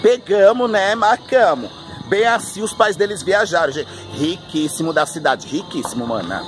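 A man's voice: high voice, expressive, normal speed, faint music behind, rough recording. A flamboyant, chatty man telling a story outdoors on a street, recorded on a handheld phone. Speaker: vlogger. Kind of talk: casual storytelling vlog while walking. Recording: street noise behind.

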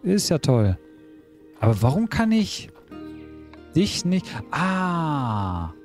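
A man's voice: a little high, very animated, drawn-out words, darkish tone, faint music behind. A man giving casual gameplay commentary, talking to himself in a puzzled, joking way. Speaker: let's play commentator.

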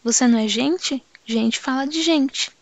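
A man's voice: very high voice, unhurried, gravelly, no room sound, dull audio, heavily acted. A woman voicing an impatient, boastful young man in an audiobook, talking dismissively. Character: boastful young male northeastern metalworker, impatient.

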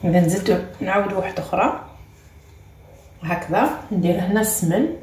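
A woman's voice: mid-range voice, a little fast, darkish tone. A woman with an Algerian Arabic accent hosting a home cooking tutorial. She talks step by step as she works and keeps repeating short cues. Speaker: cooking channel host. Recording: echoey room with faint ambient noise.

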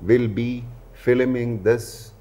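A man's voice: medium pitch, fairly even intonation, slow pace, warm tone. A man, hosting a promotional interview as a defense journalist, earnest with frequent "you know" fillers, recorded indoors in a living room. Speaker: host, aerospace and defense journalist.

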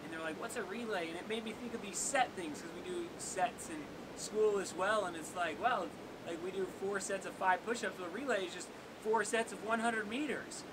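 High-voiced upbeat man coaching a workout. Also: a little fast. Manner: upbeat, joking, counting down. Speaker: workout host. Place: small seaside cave outdoors. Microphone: camera on tripod at a distance. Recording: noisy outdoor recording with wave rumble.

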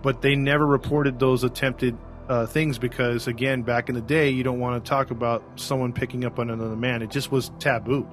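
Man, podcast host, casual true-crime storytelling, rambling, mid-pitched voice, faint music underneath. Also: level tone, fairly quick, few pauses. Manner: chatty storyteller, fillers and restarts.

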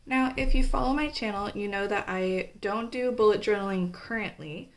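A woman's voice: medium pitch, normal speed. A young woman from Canada chatting casually through a stationery haul, with frequent filler words. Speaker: stationery vlogger. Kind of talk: casual show-and-tell.

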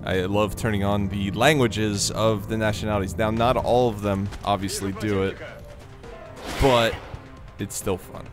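A gaming channel host with a lowish, steady voice chats unhurriedly and laughs often while playing a strategy game in a casual let's-play. He speaks into a desk mic on a stand, with game music behind him.

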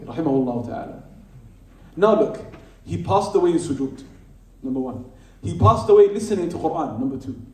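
Man, religious lecturer, fairly high voice, mellow tone, emphatic, rhetorical questions. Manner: emphatic, repeats key phrases, rhetorical questions. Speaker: Islamic teacher. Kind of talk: lecture to a live audience. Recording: roomy hall, speaker far from the mic.

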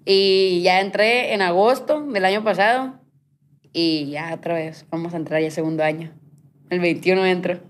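A woman's voice: lowish voice, steady tone, normal speed, slight background noise. A woman in her late teens with a Sinaloa Mexican accent, talking casually and jokingly as a podcast guest. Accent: Sinaloa Mexican Spanish. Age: young adult. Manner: laid-back, joking, slangy. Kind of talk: casual chat.

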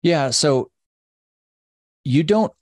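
A man hosting a business webinar, answering audience questions in a relaxed, conversational way with playful asides. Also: on the high side, extremely slow, no echo. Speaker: webinar host and sales consultant.

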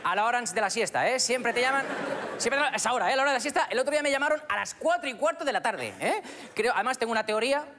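A man's voice: very high voice, expressive, fast talker, sharp tone. A man from Albacete with a Spanish accent doing stand-up comedy on a club stage, chatty and often asking the audience questions. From Spain. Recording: live club recording with crowd noise.

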